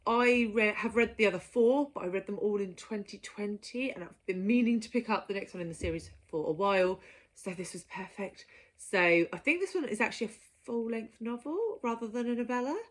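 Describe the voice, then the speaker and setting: Chatting to viewers about her reading list, this book vlogger is playful, enthusiastic, and quick to giggle in a casual monologue. She speaks briskly, her voice on the high side.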